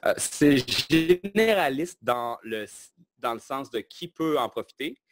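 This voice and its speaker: A man from Quebec with a Québécois French accent, speaking as a guest and explaining his work in a self-assured, lively way. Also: mid-range voice, unhurried, over music. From Quebec, Canada. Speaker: guest, online marketing entrepreneur. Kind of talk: casual interview talk.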